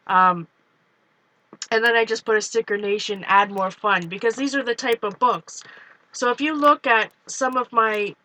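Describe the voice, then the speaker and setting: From her couch at home, a woman flips through her art journals and chats to viewers in a rambling way. She has a Canadian accent with a Minnesota tinge, and her slightly high voice is sharp-toned at a moderate pace, captured in a rough recording.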